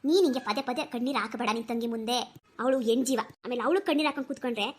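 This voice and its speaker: A woman's voice: on the high side, very fast, close to an everyday voice. A woman voicing a kindly, talkative old grandmother in a cartoon who soothes and lectures the young. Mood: consoling. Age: older. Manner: warm, soothing, preachy, lively. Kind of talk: cartoon voice acting.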